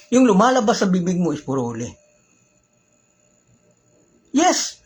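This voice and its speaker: A Filipino man with a fairly high, slightly husky voice teaches religious law to his community. He switches easily between Tagalog and English, keeps his speech polite, and poses rhetorical questions before he answers them. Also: low-quality recording. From Philippines.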